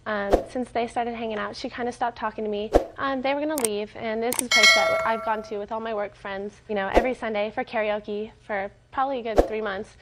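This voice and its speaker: A young woman defends herself in court, nervous and rambling, with many ums. Her voice is a little high. Heavy noise runs under the courtroom audio. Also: fairly even intonation, fairly quick, hardly any pauses. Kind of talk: testimony in court.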